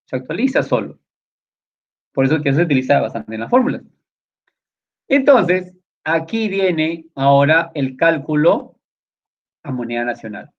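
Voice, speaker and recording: A man teaches a recorded spreadsheet class in a voice pitched a little high. He explains lively, often voicing his students' questions before answering them. The sound is dull and lo-fi, from a computer mic. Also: measured pace, pauses often.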